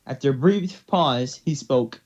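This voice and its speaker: Narrating and hosting an amateur story reading, a man shifts from scripted passages to casual banter. He speaks unhurriedly in a mid-range, darkish voice, and the recording sounds muffled.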